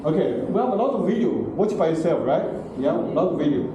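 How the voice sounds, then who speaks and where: Very animated and fast, a middle-aged man with a voice on the high side lectures to university students in broken English, repeatedly checking with "okay?" and "right?". A far room camera in the large classroom recorded him, and the sound is very echoey and noisy.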